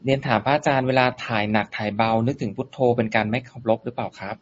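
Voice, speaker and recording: A man briskly and politely reading out submitted questions to a monk. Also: medium pitch, steady tone, slight background noise. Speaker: question reader. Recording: dull lo-fi sound.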